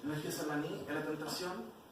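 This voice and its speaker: A man's voice: a little high, fairly quick. A man teaching an expository Bible class, often asking the class questions. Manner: questions the class, frequent "¿cierto?". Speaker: Sunday school teacher. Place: church hall. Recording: very echoey church hall from far off, noisy.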